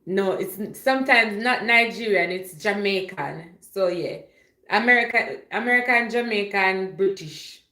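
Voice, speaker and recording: Her voice medium-pitched, bright and forceful, a woman hosts a home livestream, chatting casually and playfully and drifting from one subject to the next. She speaks a little slowly, and the room gives the recording an echoey feel.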